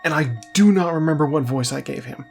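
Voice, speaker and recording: Providing casual gameplay commentary, a man rambles chattily and keeps correcting himself. He talks fairly quickly in a fairly high voice with a darkish tone and some vocal fry, while faint music plays behind him.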